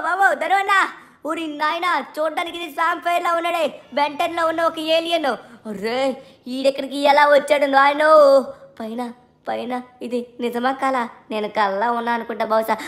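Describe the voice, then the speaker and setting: A woman's voice: very high voice, fairly bright tone. A woman doing Shin Chan, a cheeky, whiny little boy. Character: mischievous little cartoon boy, lazy and cheeky.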